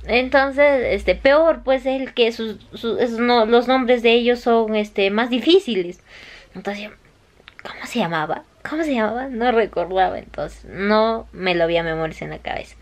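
Young woman, Peruvian Spanish accent, talkative vlogger telling a story, lively voicing of quoted speech. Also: on the high side, moderate pace, hardly any pauses. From Peru. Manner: chatty, animated, acts out quoted voices. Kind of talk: casual storytelling.

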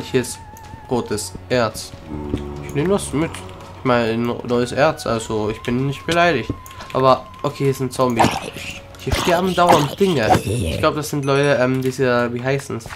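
A man giving casual let's-play commentary, chatting excitedly to viewers, making little mouth sound effects and switching between shouts and whispers. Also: mid-range voice. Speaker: gaming video creator. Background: background music.

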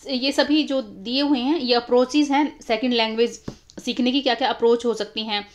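Over an annotated screen, a young exam-prep teacher explains exam questions one step at a time, speaking Hindi with English titles mixed in and repeating key terms. Her fairly high voice stays steady at normal speed.

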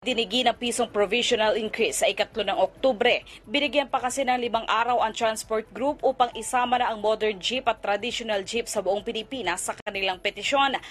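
A woman news reporter reading a scripted field report in a steady, formal voice-over. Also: fairly high pitch, a little fast.

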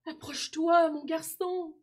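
A woman voicing a gentle, generous old male apple tree in a storybook read-aloud, tender and sighing. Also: extremely high pitch, fairly even intonation, a little slow, voice pushed up.

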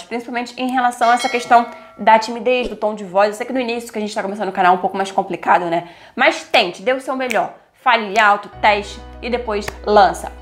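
A young Brazilian woman giving YouTube tips in a casual, chatty vlog, often tagging her sentences with quick checks, recorded on a lapel mic indoors at home. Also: mid-range voice. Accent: Brazilian Portuguese. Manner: chatty, lively, many "tá?" and "né?" tags. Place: indoors at home, lit by a softbox. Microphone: lapel mic clipped to her blouse.

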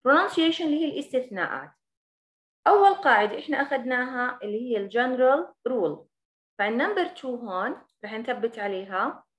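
A woman with a Levantine Arabic accent teaching an English grammar lesson. She explains in Arabic and slows down on the English example words. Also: fairly high pitch, sing-song, a bit bright.

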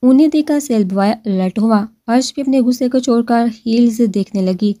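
A woman reading a romance novel aloud in a steady, even narrating voice. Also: a little high, no room sound, studio quality.

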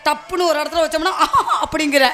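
Woman trading rapid rhyming insults on stage. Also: high voice, steady tone. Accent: Tamil Nadu rural Tamil. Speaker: stage comedian. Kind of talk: village stage comedy banter.

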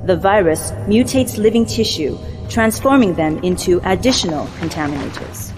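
In a science fiction game cutscene, a young adult actress plays a controlled, dutiful military mentor giving clipped, formal scripted mission briefings, cool and stern in mood. Her voice sits on the low side with lively intonation, a moderate pace, and light acting. Music runs beneath a long hall reverb.

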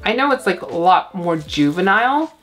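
A Canadian woman with a Canadian accent hosting a casual plant unboxing vlog, chatty and gushing with excitement. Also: mid-range voice, normal speed, faint music behind. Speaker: plant channel host.

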